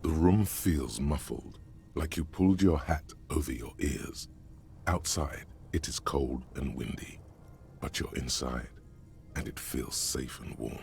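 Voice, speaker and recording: A gravelly, very deep game narrator. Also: male voice, darkish tone, a little hiss or hum, exaggerated voice. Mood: solemn. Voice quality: gravelly, slow and measured. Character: brooding omniscient male narrator, gravelly, solemn. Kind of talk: dramatic video game narration.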